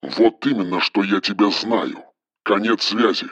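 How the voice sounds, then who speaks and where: Мужчина озвучивает сурового холодного начальника, который говорит по телефону резко, отрывисто и повелительно. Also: male voice, fairly low pitch, measured pace, a bit bright, no echo, voice pushed down. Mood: cold. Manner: harsh, clipped, commanding. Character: stern cold male boss on the phone. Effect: phone voice.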